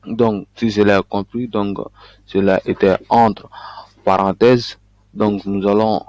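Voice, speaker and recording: A man's voice: lowish voice, a little mellow, dry recording. A man coaching on online business, talking through a screen-share tutorial with frequent hesitations and restarts. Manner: hesitant, many fillers and restarts.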